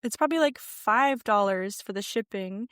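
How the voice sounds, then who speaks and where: A chatty young woman talking over a video call from her yarn-filled room. Her voice sits at an ordinary middle pitch, and the sound is dry and close. She peppers her talk with "like" and leans hard into the words she wants to stress. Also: normal speed, clean tone, dry recording. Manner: chatty, many "like" fillers, animated emphasis. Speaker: podcast guest, sewing content creator. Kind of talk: casual interview chat. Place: home room with yarn shelves.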